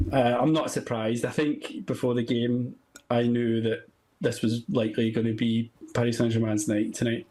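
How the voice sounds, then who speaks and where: A man's voice: medium pitch, a little mellow, rough recording. A Scottish man in his forties, a podcaster joining a sports show by video call, talking in an earnest, somewhat hesitant way. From Scotland. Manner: earnest, a bit hesitant with many ums. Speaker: podcaster guest. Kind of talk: casual chat.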